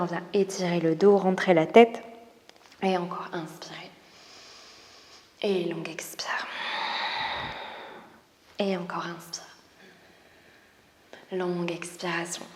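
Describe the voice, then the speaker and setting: A woman with a French accent leads a gentle yoga flow, her low voice calm and often whispered as she counts breaths. The sound is roomy, with a long reverb trailing her words. A faint hiss sits behind her. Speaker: yoga teacher and spiritual coach. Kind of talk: guided yoga class instruction.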